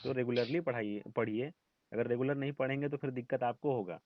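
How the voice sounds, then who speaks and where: A man's voice: medium pitch, brisk, no echo, lo-fi sound. A man teaching a math lesson over an online class, explaining step by step and often checking with his students. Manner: explains step by step, asks "ठीक है?" often, scolds students gently.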